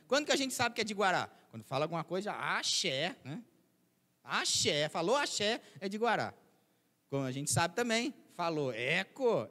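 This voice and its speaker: High-voiced preacher in a reverberant hall. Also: male voice, fairly bright tone. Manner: conversational preaching with rhetorical questions. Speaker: pastor. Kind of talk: sermon. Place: church hall.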